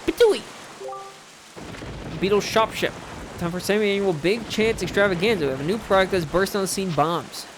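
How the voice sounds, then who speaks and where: A man voicing an excitable male shopkeeper in a game, with fast salesman patter and squeaky exclamations. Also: background noise, natural voice. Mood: pitching.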